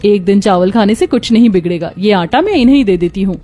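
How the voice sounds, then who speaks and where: A woman with a fast, animated delivery and a dark, medium-pitched voice performs every female role in a Hindi cartoon story. Mother-in-law, daughter-in-law and neighbors are all hers, set against faint background music.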